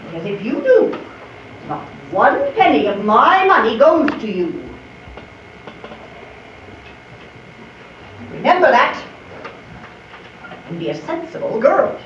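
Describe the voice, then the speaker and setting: An imperious, rich old aunt acted by a woman in a live stage play. Her high, swooping voice scolds and lectures haughtily. It carries from far off in a very echoey theatre on a noisy tape. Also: huge pitch swings, unhurried, long pauses, full character voice. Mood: stern. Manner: haughty, admonishing, emphatic. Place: theatre in the round, far camera, audience around. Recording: muffled, noisy camcorder in echoey theatre, distant.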